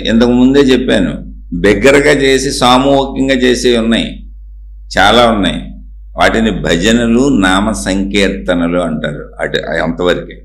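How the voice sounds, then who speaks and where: A man's voice: medium pitch, gravelly, echoey room. A man giving a spiritual discourse, explaining patiently and repeating key points for emphasis. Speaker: spiritual teacher.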